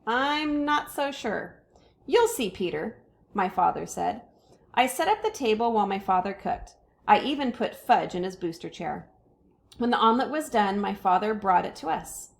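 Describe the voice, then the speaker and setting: A woman reading a children's chapter book aloud with expressive character voices. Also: mid-range voice, normal speed, gravelly. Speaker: reader.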